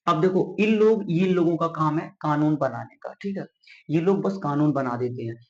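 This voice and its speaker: Male teacher, repetitive question-and-answer drilling, slightly high voice, lo-fi classroom sound. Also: a little mellow. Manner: drills by asking and answering his own questions; slowly spells out key terms. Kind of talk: whiteboard lesson. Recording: echoey room, dull lo-fi sound.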